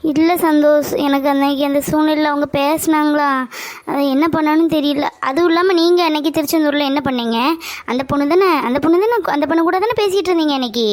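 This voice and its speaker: Young woman, high voice, apologetic pleading, dry close sound. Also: fast, a little mellow, no room sound. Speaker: girlfriend in a family skit. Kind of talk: scripted romantic drama.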